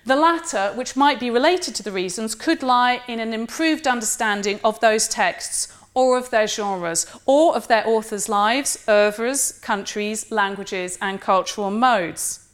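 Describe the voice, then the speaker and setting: A woman giving an academic lecture in a measured, precise way, sometimes correcting herself mid-phrase. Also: on the high side. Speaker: university lecturer.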